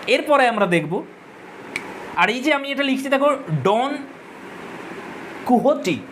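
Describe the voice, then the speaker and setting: A woman's voice: sits high, expressive, normal speed, a bit bright, slight background noise. A woman teacher giving a recorded literature lesson. She explains each point patiently, calls her viewers friends, drops English terms into her sentences and stops to spell out how names are pronounced. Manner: spells out and corrects pronunciations.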